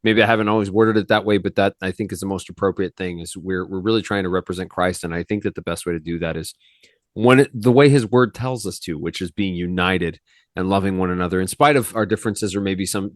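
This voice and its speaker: Low-voiced rambling man hosting a podcast. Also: no echo, clean studio sound. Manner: loose, rambling, slangy, with many restarts. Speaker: podcast host. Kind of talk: casual podcast chat.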